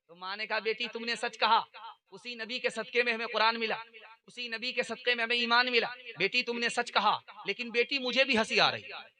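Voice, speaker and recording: A man delivers a sermon in a very high, piercingly bright voice. He repeats each piece of advice several times and acts out both sides of a conversation as he tells the story. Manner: repetitive, exhorting, voicing mother and daughter in dialogue. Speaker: preacher. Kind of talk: sermon with storytelling and sung verse.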